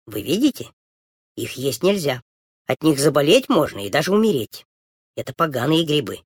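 A woman voicing a patient mother in a storybook reading, gently explaining to her daughters. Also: sits low, big pitch swings, normal speed, no echo, clean studio sound, voice pushed down. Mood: gentle. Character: patient calm mother picking mushrooms.

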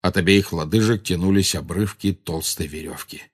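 A man with a somewhat low voice reads a novel aloud. His scripted narration is steady and dramatic. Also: moderate pace, husky. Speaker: audiobook narrator.

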